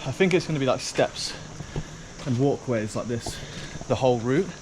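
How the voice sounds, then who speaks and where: A travel vlogger with a medium-pitched, expressive voice talks at a normal speed into a handheld camera while outdoors on a rock trail. His narration is chatty, rambling and full of ums, with insects and crickets audible in the background.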